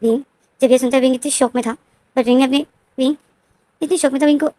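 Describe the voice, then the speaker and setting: A woman's voice: high-pitched, steady tone, fast talker, dark tone, no echo. A woman casually retelling a story, often repeating and restarting her sentences. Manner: repetitive, restarting narration.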